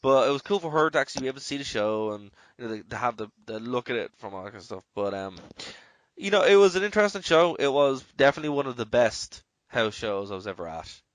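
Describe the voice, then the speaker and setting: Irish male podcast host, average pitch, rambling casual delivery, dead-dry close mic. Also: animated, fast, no echo. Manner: rambling, leans heavily on "you know".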